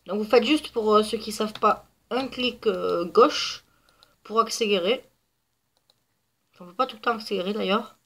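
She speaks at medium pitch and a moderate pace, a bit bright, pausing often as she chats through gameplay for her gaming channel. A cold makes her voice stuffy and nasal, and she rambles with plenty of fillers.

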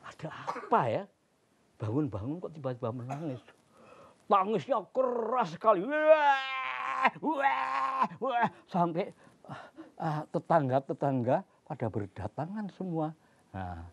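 An older man telling a children's fairy tale in a playful, drawn-out way. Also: fairly high pitch, no room sound. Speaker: children's storyteller. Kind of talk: storytelling for children.

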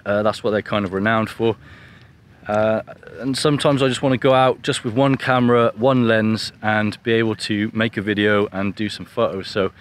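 A man's voice: lowish voice, moderate pace. A man in his thirties vlogging to camera outdoors on a beach, talking casually and with some self-deprecation. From England. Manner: relaxed, chatty, self-deprecating. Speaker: photography vlogger. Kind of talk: casual vlog talk to camera. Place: open beach outdoors at sunset. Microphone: camera-mounted mic, held at arm's length. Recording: faint outdoor noise.

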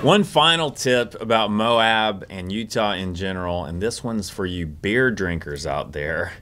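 Low-voiced man giving dry travel tips. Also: lively intonation, measured pace, sharp tone, slight background noise. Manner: dry, wry humor. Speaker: travel vlog co-host. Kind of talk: scripted commentary with co-host.

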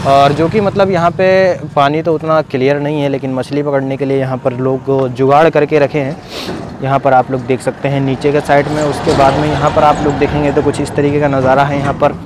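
A man's voice: fairly high pitch, level tone, brisk. Chatty young man vlogging from a motorbike. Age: young adult. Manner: chatty, addresses viewers as friends. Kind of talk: travel vlog narration. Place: outdoors on a moving motorbike on a road. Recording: outdoor road noise.

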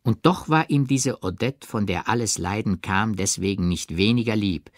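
A man narrating a classic novel as an audiobook in a measured, expressive reading. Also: lowish voice, no echo, studio quality. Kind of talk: scripted literary narration.

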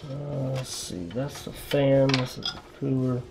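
A man's voice: mid-range voice, unhurried, vocal fry, noisy background. A man casually narrating as he repastes and reassembles his computer, rambling and self-deprecating, talking to himself as he works. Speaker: PC hobbyist vlogger. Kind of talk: casual narration while working on a PC.

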